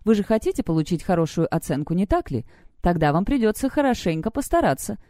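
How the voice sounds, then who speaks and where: A woman's voice: lowish voice, sing-song, fast, warm tone, no echo, clean studio sound. A woman voicing a stern, vindictive female teacher with a sarcastic, growled threat. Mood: menacing.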